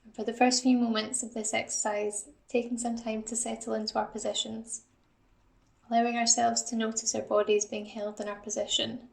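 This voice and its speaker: An assistant psychologist guides a body scan meditation, her fairly high voice moving in a flat, steady melody. She sounds calm and gentle, with noticeable creak, and softly gives each instruction in a roomy-sounding space.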